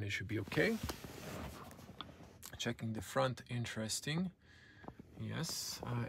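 Gravelly man narrating a car walkaround. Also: mid-range voice. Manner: running commentary, pointing out details as he goes. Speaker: car reviewer. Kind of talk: casual walkaround car review. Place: indoor auto show hall. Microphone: handheld camera mic. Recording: noisy auto show hall. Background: show hall ambience.

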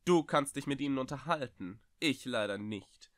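A man's voice: mid-range voice, expressive, normal speed, no room sound, studio quality, close to an everyday voice. Creepy storybook master, sly and falsely friendly, read by a man. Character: eerie old master with a bony voice.

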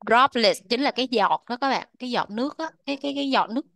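A woman teaching English to children, switching between two languages and repeating words slowly so the class can echo them. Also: on the high side, lively intonation, vocal fry, a bit bright.

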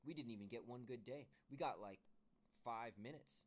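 A man reading a children's book aloud to his kids with expressive storytelling. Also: medium pitch, moderate pace.

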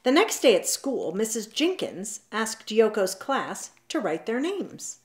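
A woman reads a children's picture book aloud, her pitch lively and swooping while her pace stays slow. She uses expressive, drawn-out storybook phrasing, sitting indoors at home on a leather couch.

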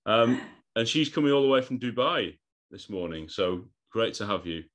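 A man in his thirties hosts a podcast interview over a video call, sounding eager, often repeating words and laughing between lines. His voice is on the low side and a bit bright, animated and at a moderate pace.

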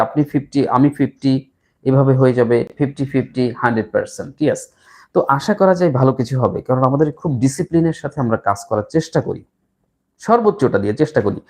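A man leads a live online English class in a middle-pitched voice. He talks briskly between drills, then slows right down to repeat short phrases again and again. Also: a little mellow. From Bangladesh. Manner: slow, repetitive drilling of phrases with pauses. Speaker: English tutor.

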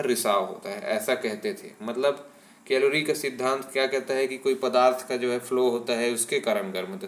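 A male teacher giving an exam-prep lesson, explaining step by step, often checking in with "ठीक है" and asking rhetorical questions. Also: mid-range voice.

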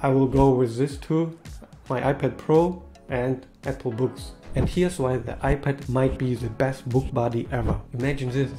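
Talking casually and cheerfully to camera in a small room, this thirtysomething tech host has a mellow, mid-range voice, fairly even intonation, and normal speed. English isn't his first language, so his phrasing is a bit non-native, and soft music runs in the background.

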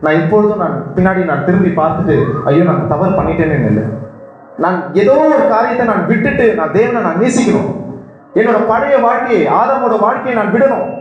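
A man delivers an earnest sermon in a fairly high voice, restating phrases as he presses his point. He moves between urgent raised pleading and quieter low stretches. The recording is very echoey, as from a church hall, with a faint hiss behind him. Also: lively intonation, a little fast, highs cut off. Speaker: preacher. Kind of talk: Tamil sermon.

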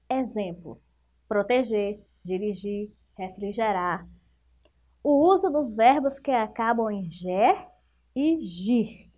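A woman's voice: medium pitch, a little mellow, muffled recording. A Brazilian woman teaching a recorded lesson to young children, patient and encouraging, stretching out each example word. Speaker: primary school teacher.

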